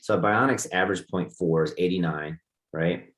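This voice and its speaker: Deep-voiced man in an echoey room. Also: moderate pace. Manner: loose, thinking aloud with restarts and "you know". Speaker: fantasy football league co-host. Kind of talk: casual podcast chat.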